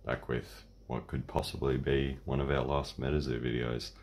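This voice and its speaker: An Australian man hosting a casual card-opening video, talking in a relaxed, rambling way through a croaky voice. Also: a bass voice, moderate pace. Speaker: channel host. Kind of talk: casual unboxing chat.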